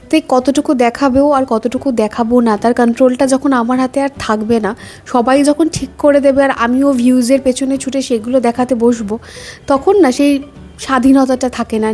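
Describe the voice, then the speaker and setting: A young woman chatting softly and casually in her own vlog. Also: sits high. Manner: soft-spoken, chatty, speaks quietly while baby sleeps. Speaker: vlogger.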